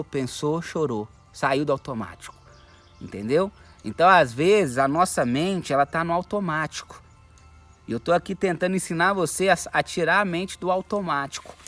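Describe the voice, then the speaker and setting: A man with a Brazilian Portuguese accent giving a motivational coaching talk, animated and acting out quotes from others. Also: fairly high pitch.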